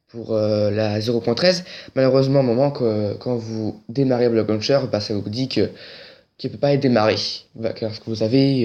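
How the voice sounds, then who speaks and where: Casual male tutorial voice: halting, lots of pauses and restarts, with dry jokes in between. Mid-range pitch. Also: a little mellow. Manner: hesitant, full of pauses and restarts, with dry ironic asides. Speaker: tutorial creator. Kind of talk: casual screen-recorded game tutorial.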